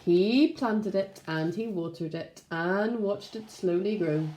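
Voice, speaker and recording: Reading to her class like a primary school teacher, a woman speaks expressively to young children in a storybook read-aloud style. Her voice is medium-pitched, slow and warm. The room sounds roomy and echoing.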